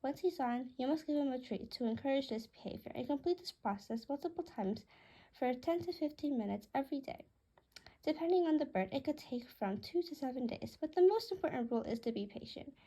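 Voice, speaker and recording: A woman voicing a patient bird-shop worker who gives calm, instructive advice. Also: high-pitched, a little fast, rough recording. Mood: helpful.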